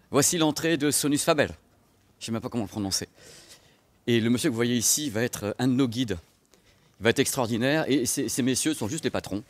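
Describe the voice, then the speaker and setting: A medium-pitched man hosts a vlog while touring a factory, walking both indoors and outdoors and talking with playful enthusiasm and plenty of exclamations. The recording has no echo.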